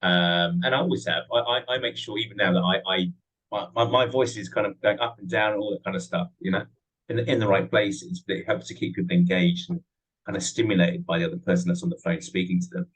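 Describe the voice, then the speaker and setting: A man's voice: low voice, fast talker, a bit bright, slightly rough, low-quality recording. A man interviewing on a podcast, who often stumbles and repeats his words at the start of his sentences. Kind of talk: casual podcast conversation.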